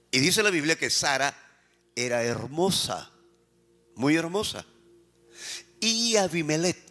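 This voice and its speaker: A Peruvian pastor preaching in call-and-response, his voice sitting at an ordinary middle pitch. He asks the congregation question after question and answers each one himself. He lifts his voice for emphasis, then drops to slow, quiet phrases. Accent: Peruvian Spanish. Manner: swings between raised emphatic lines and quiet, slowed phrases. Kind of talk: sermon.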